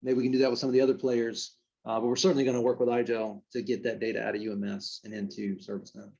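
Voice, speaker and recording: Fast-talking Southern man hosting a podcast. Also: mid-range voice, flat delivery, creaky, a little mellow, lo-fi sound. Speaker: podcast host. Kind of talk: casual podcast chat.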